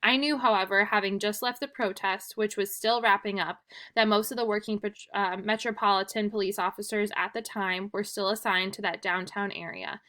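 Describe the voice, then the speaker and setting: Woman teacher, clear bright tone, steady read-aloud of a statement for students. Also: medium pitch, normal speed. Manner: plain, even reading with occasional restarts and ums. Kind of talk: reading a witness statement aloud for a class.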